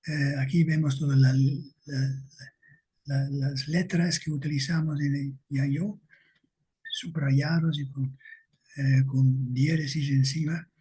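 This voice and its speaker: A man giving an academic lecture with slides, speaking slowly and deliberately and checking in with his listeners. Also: mid-range voice, level tone, warm tone, breathy edge.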